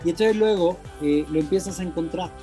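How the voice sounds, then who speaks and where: A Mexican man giving a lively, colloquial motivational talk, acting out voices of the mind and a friend. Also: sits high, brisk, soft background music. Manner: animated, colloquial, acts out inner voices. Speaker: speaker.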